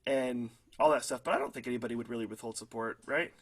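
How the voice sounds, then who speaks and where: Speaking fast in a mid-range voice, a young man co-hosts a laid-back football podcast. He hedges his points with fillers and often cracks himself up over his own hot takes.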